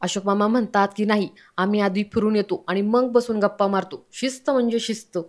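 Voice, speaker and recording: Woman narrating a serial recap, flat delivery. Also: medium pitch, a little fast. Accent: Marathi. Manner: reads all characters' lines herself, quoting them in a mostly even tone.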